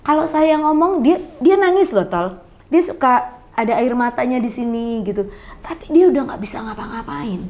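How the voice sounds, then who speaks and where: A woman's voice: fairly high pitch, expressive, normal speed, darkish tone. A middle-aged woman, a guest, earnestly telling a personal story and acting out other people's words in their voices. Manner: earnest, often acts out others in quoted voices. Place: coffee bar.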